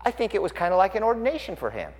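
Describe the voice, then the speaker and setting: Animated preacher man in a reverberant hall. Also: high voice, rapid-fire. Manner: animated, swings from loud exclamations to quiet explanation. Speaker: pastor. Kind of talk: sermon.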